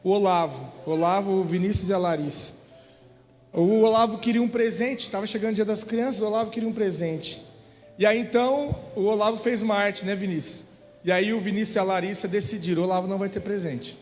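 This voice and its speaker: High-voiced Brazilian preacher in a church hall. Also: male voice, a little fast. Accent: Brazilian Portuguese. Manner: storytelling preacher, emphatic repetitions. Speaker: pastor. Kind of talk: sermon. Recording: hall reverb with faint music.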